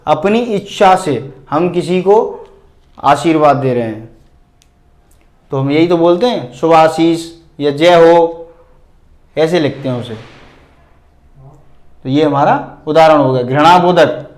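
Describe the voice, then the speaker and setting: Slow, high-voiced man teaching grammar. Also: darkish tone. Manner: repeats definitions and asks the class questions; slow, deliberate explaining with spoken examples. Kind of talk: online video grammar lesson.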